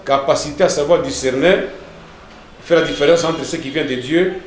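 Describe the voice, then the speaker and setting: Male pastor, didactic TV teacher, slightly high voice, echoey room. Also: moderate pace, a little hiss or hum. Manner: didactic, repeats words and tags lines with "hein" and "n'est-ce pas".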